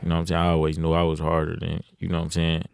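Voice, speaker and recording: A man's voice: extremely low pitch, monotone, very fast, creaky, clear, resonant tone, no echo, clean studio sound. A young man from Detroit, a rapper talking as a podcast guest in laid-back slang, dropping "you know what I'm saying" often. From Detroit, USA. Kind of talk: casual interview.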